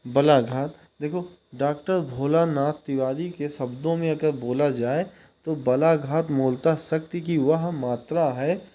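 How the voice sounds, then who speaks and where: Male tutor, unhurried and soft-toned, keeps checking if you follow. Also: on the high side, dull audio. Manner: explains step by step, checks in with "ठीक?" often. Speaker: teacher. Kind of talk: exam-prep lecture.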